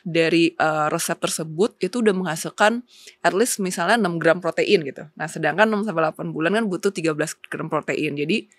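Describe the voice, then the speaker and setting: A young woman appears as a talk show guest in a casual interview, speaking as a company co-founder. Her voice sits low and moves fairly quickly, with no echo. She explains things using figures, leans on plenty of fillers and slips English words into her speech.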